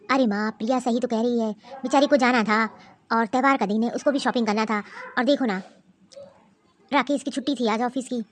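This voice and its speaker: A woman voicing a calm, reasonable elder brother who apologizes, in a cartoon story. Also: on the high side, fairly quick, close to an everyday voice. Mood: apologetic. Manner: soothing, apologetic. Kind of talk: cartoon voice acting.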